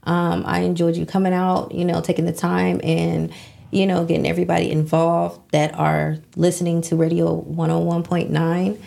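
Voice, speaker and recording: A woman's voice: on the low side, little pitch movement, moderate pace, vocal fry, dark tone. A woman hosting a community radio interview, chatty, asking questions and laughing easily. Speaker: radio host.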